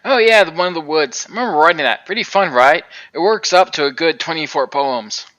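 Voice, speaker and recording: A man puts on a calm, easygoing alien space traveler, reading game dialogue in a voice pitched a little above his own. The tone stays bright and forward, and the delivery is laid-back and musing, with a gentle teasing edge. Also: fairly quick, natural voice. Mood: playful. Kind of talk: reading game dialogue aloud on a live stream.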